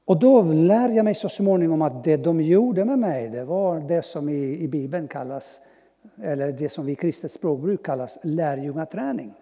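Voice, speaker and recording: Gravelly dark-voiced man preaching in a hall. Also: on the high side, lively intonation. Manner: earnest, slow, with long pauses and sudden soft drops. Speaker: preacher giving testimony. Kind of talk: personal testimony talk. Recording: long hall reverb.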